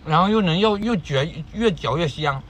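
A man's voice: on the high side, expressive, normal speed, slight background noise. A man hosting an eating show, talking casually to viewers while chewing with his mouth full. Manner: talks while chewing, eager and chatty. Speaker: mukbang host.

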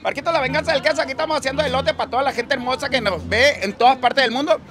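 Jovial high-voiced Sinaloan man outdoors. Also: steady tone, rapid-fire, music in the background. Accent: Sinaloa Mexican Spanish. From Mexico. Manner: jovial, rambling, laughs often. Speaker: interviewee. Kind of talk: casual street interview. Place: outdoors on a city street.

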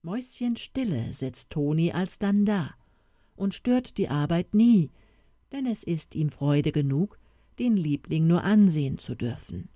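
A woman narrating a storybook audiobook in a soft, expressive, unhurried manner, recorded close to the mic. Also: on the low side, dry recording.

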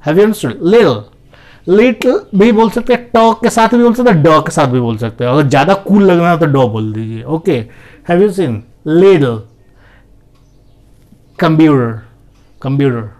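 A man's voice: fairly high pitch, animated, a little slow, a little mellow. A man with an Indian accent teaching English pronunciation, switching between Hindi and English and repeating example words over and over. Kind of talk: classroom pronunciation lesson.

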